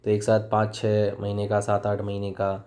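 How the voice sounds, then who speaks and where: A man's voice: on the low side, completely flat delivery, normal speed, a little mellow. Man w/ hindi accent teaching english grammar, chatty, keeps asking himself questions. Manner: chatty, asks and answers his own questions. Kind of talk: classroom lesson explaining vocabulary.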